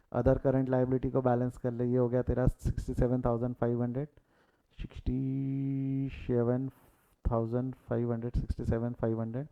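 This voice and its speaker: A man teaching accounting in a live online class, repeating key figures and urging students to answer in the chat. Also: mid-range voice. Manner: mixes English terms, repeats key figures, urges students to reply in chat. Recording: tinny phone-like audio.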